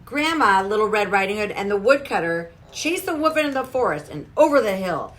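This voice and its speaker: A woman reading a children's storybook aloud in a clear, lively way. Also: mid-range voice, brisk. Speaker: storybook reader.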